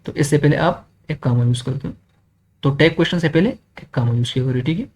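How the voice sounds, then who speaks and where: A young man, teaching an exam-prep grammar lesson, who keeps checking in with students and reads English examples slowly. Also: fairly high pitch, a little mellow, a little hiss or hum.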